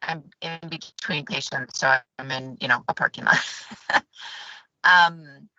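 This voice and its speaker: A woman's voice: sits low, unhurried, sharp tone, no room sound, dull audio. A woman clinician on a video call from a parking lot, her choppy audio cutting out as she talks with hesitant restarts. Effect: choppy audio cutting out on a weak call connection. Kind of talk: virtual meeting discussion. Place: parked car lot between patient visits. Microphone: video call on a phone or laptop.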